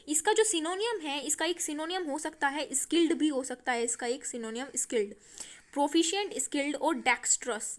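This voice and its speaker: A woman teaching English vocabulary in Hindi, explaining slowly and repeating words, often checking with her students. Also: high voice. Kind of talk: vocabulary lesson.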